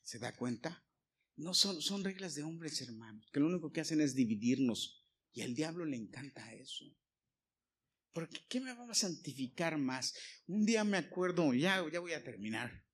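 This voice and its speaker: A fairly high-voiced man, preaching to a congregation. He carries the sermon with anecdotes, acts out the quoted exchanges, and keeps turning to the listeners with asides. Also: big pitch swings, normal speed, breathy edge.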